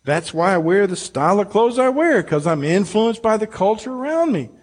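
A man's voice: high-pitched, big pitch swings, normal speed, breathy edge. An older man, a pastor, giving a sermon in an earnest, conversational way and speaking straight to his listeners. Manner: earnest, conversational preaching, addressing the congregation directly.

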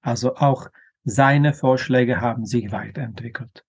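Slow, deliberate male language teacher. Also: medium pitch, breathy edge. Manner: slow, deliberate, careful pronunciation of Hebrew terms. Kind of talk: explanatory lecture.

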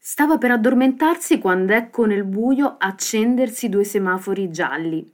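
A woman hosting a children's podcast, reading a fable aloud with lively, expressive delivery. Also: medium pitch, normal speed. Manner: lively expressive reading with sound-effect words. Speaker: storyteller host.

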